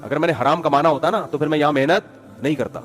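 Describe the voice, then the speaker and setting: A man voicing a proud, honest, poor male vegetable seller who speaks low, quiet and firm. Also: steady tone, soft background music, natural voice. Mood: stubborn, proud.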